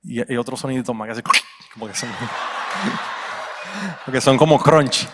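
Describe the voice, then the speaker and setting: A man preaching a Sunday sermon in a church, telling stories with humor and building to loud, emphatic peaks. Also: medium pitch, expressive, a little slow, background noise. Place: church sanctuary. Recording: long hall reverb.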